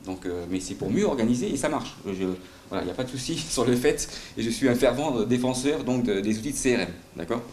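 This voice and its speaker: In a conference room, a middle-aged man with a slight southern French accent delivers a live sales pitch, hesitating, using many fillers and putting questions to the audience. His mid-range, darkish voice is fast with lively intonation, in a roomy hall with faint noise.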